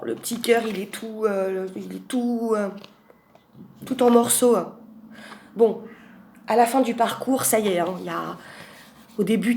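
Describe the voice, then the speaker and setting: A woman flips through tarot cards in a relaxed, talkative chat, announcing each card with a lift before drifting into rambling asides and fillers. Her voice sits in an ordinary middle pitch. A faint hiss runs under the recording. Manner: announces card names with lifted emphasis. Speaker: tarot reader presenting a deck. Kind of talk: casual chat presenting cards.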